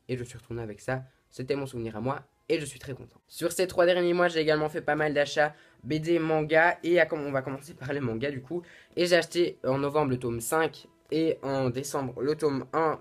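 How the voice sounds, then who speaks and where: A man chatting to camera about books he bought, talking in a casual and hesitant way with many restarts. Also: mid-range voice. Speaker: booktuber. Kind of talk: casual book haul vlog.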